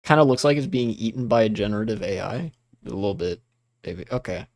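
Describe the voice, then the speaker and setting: A young livestream host with a lowish, slightly mellow voice speaks briskly and animatedly as he responds to on-screen text. The chat is rambling and profane, dotted with fillers and bursts of laughter.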